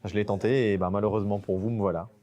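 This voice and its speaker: A man with a fairly low voice, from French Guiana, speaks about his photographs in a relaxed festival interview. He hesitates often, filling gaps and restarting his phrases as he goes. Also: quick pace. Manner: hesitant, many fillers and restarts. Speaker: nature photographer exhibiting.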